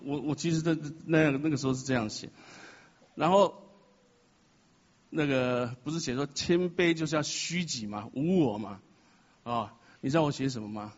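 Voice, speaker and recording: A man's voice: on the high side, husky. A man sharing an emotional, confessional testimony at a church gathering, mixing self-mocking humor into his story. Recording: dull sound in a reverberant hall.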